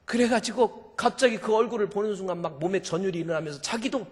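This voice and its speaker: Male pastor, high voice, lively sermon storytelling, long church reverb. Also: quick pace, husky. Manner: lively, retelling a story with acted quotes.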